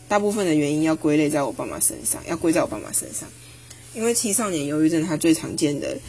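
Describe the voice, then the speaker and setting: Woman, 20s, solo podcast host; emphatic, animated delivery. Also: low-pitched. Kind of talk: personal reflective monologue.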